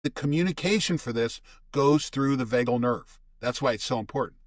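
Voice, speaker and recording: A man's voice: medium pitch, a little fast, dry recording, clean studio sound. An older man, a guest expert, explaining things in casual podcast talk and often restarting his phrases.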